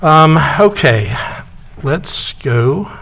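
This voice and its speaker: Presiding over the city council, the mayor speaks formally and deliberately, pausing and using fillers. His voice runs on the high side, animated and a little bright.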